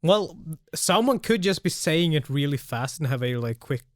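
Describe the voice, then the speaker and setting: A podcast co-host chatting casually, measured and thoughtful with dry remarks. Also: medium pitch, animated, dry recording. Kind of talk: casual chat.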